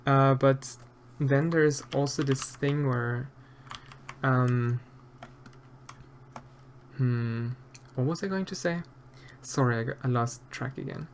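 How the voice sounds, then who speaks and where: Taking his time, an Austrian man with a medium-pitched voice answers his live-stream chat while sculpting, with slight background noise. He speaks softly with an Austrian German accent, hesitating often and filling his speech with fillers and restarts.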